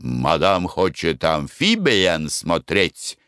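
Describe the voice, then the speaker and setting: Patient porter, voiced by the reader; slow, low-key, dry. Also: male voice, huge pitch swings, fairly bright tone, clean tone, no echo, heavily acted. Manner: slow, careful, broken speech. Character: polite puzzled German museum porter, broken Russian.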